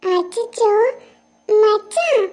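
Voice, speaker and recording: A woman voicing a sweet little girl who softly comforts a crying friend in a cartoon. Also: extremely high pitch, lively intonation, extremely slow, full character voice. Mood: tender, comforting. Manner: soft, coaxing. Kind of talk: animated cartoon voice acting. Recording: dull lo-fi sound.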